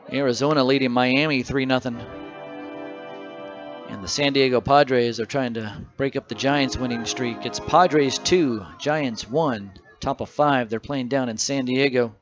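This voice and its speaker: Male baseball play-by-play announcer, easygoing stat-reading delivery, mid pitch, slightly muffled broadcast with faint music. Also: measured pace. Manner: conversational, reads stats between pitches. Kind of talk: radio baseball commentary.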